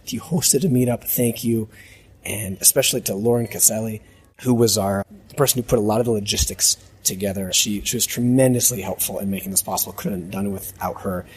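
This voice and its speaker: A man with a fairly low voice and a husky smoker's rasp, worn hoarse. He speaks as a podcast host recording a casual spoken diary, thinking aloud in a halting, reflective way. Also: darkish tone. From United States. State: hoarse voice from a long trip. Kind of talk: casual off-the-cuff audio diary.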